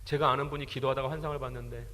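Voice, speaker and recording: A man preaching a sermon, telling the story with passion and building up to shouting. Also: mid-range voice, fairly even intonation, racing. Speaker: pastor. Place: large prayer retreat hall. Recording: long hall reverb.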